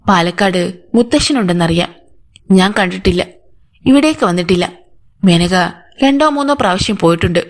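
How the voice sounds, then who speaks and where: A woman's voice: mid-range voice, lively intonation, normal speed, long pauses, close to an everyday voice. A woman voicing an anxious old housemaid. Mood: defensive. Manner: pleading, defensive answers to police. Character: older female housemaid, anxious and protective. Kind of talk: audiobook character voice.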